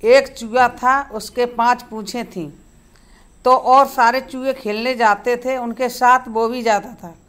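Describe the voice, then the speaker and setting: A woman telling a children's story slowly and simply, stopping to ask the kids to count. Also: on the high side, steady tone, a bit bright.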